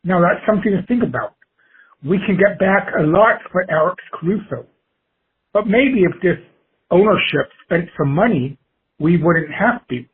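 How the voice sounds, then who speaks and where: A man leaving a voicemail played over a phone line, giving his opinion as a caller in a measured, halting way with pauses between phrases. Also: sits high, lively intonation, breathy edge.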